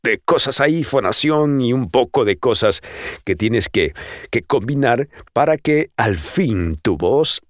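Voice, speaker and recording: A voice coach with a cold hosts a casual podcast, teaching how to breathe and stop sounding nasal while demonstrating sounds. His medium-pitched voice is lively and animated yet unhurried, congested, and captured cleanly on a close studio microphone with no echo.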